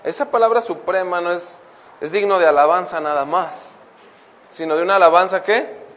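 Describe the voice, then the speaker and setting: A man teaching a Bible lesson as a preacher. He reads verses slowly and keeps asking the congregation questions. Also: high voice, fairly bright tone, slight background noise. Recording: long hall reverb.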